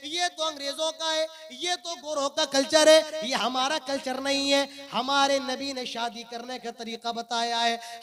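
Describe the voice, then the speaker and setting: Young man preaching in a very high, bright voice. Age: 20s. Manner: fervent declaiming, swelling loud on exhortations, sudden quiet scolding asides. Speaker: Islamic preacher. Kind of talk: impassioned religious speech.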